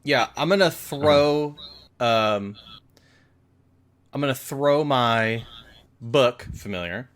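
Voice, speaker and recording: A man playing a tabletop game, halting as he announces his moves. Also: medium pitch, a bit bright. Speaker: player. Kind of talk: casual tabletop play.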